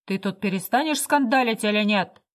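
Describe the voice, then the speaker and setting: A woman's voice: medium pitch, moderate pace, close to an everyday voice. A woman reading the part of an earnest young workman who lectures in a stern, preachy way.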